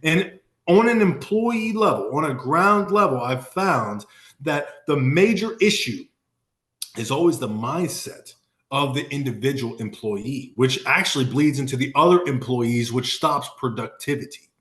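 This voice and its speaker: A man's voice: medium pitch, lively intonation, measured pace, a bit bright, reverberant. A man giving a motivational sales talk on a video call, emphatic and repeating his key phrases for punch. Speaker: sales coach and Marine.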